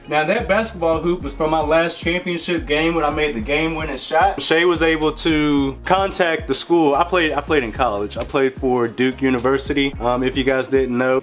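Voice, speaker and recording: A man giving a casual home tour vlog indoors, playful and deadpan with tongue-in-cheek jokes. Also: mid-range voice. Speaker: vlogger showing his man cave.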